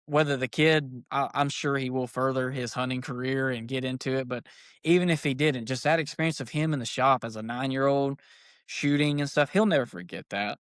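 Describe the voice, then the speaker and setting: A man, an archery shop owner, telling stories as a podcast guest in a folksy, animated way. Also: medium pitch, dry recording, studio quality. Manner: animated, folksy, says "dude" a lot. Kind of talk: casual storytelling chat.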